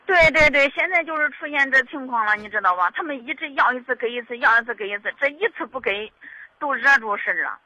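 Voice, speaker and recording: A woman's voice: sits high, expressive, fast talker, pushed and bright, no room sound, rough recording. A woman calling in to a radio advice show, complaining in brief, eager bursts of agreement. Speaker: caller.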